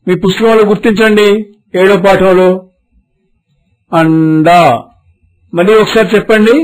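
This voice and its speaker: A man teaching a beginners' reading lesson, spelling words syllable by syllable and stretching them out slowly. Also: high voice, low-quality recording.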